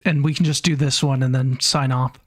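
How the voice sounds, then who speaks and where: A man co-hosting a podcast in casual chat, easygoing and quick to agree. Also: medium pitch, level tone, slight background noise. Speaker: podcast co-host.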